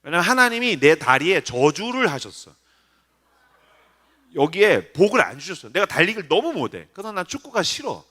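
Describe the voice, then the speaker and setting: A man in his forties preaches to a youth group, joking and throwing questions at the room. His voice sits high for a man and swings widely up and down, with a bright, forceful edge. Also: sing-song, moderate pace. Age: 40s. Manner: casual, joking, asks the crowd questions. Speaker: pastor. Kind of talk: animated youth sermon. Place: church sanctuary.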